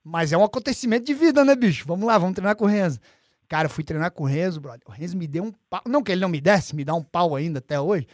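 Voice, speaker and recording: A Brazilian man with a fairly high voice tells a story in a relaxed podcast chat. He is slangy and animated and swears freely, acting out what other people said. The sound is dry and close. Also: rapid-fire, no echo.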